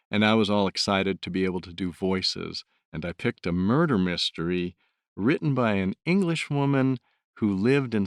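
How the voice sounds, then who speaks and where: Man, very low voice, dry close sound, earnest and reflective, volunteer narrator. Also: no room sound. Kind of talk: reflective interview talk.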